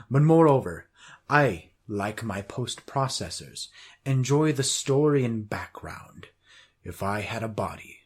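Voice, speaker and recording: In a comic radio drama, a man voices an all-powerful, eccentric supercomputer. His fairly low voice delivers pompous, tangled sentences with a strangely formal ring.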